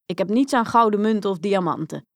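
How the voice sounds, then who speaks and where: A woman voicing a small, persistent talking frog who croaks now and then and pleads eagerly, in a storybook reading. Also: medium pitch, expressive, brisk, dry recording, clean studio sound, natural voice. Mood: pleading.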